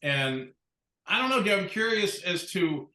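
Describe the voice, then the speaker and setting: A man's voice: high-pitched, sing-song, a little slow, pushed and bright, reverberant. A man in his sixties from Wisconsin who hosts a talk show and chats casually in a teasing, joking way. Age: 60s. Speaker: podcast host. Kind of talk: casual chat.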